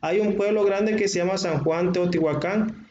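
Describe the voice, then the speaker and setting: A man with a Mexican accent, a history teacher lecturing to his class and explaining slowly, stretching out words, with frequent filler sounds. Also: high voice, a little mellow. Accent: Mexican Spanish. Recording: roomy, dull, faintly noisy.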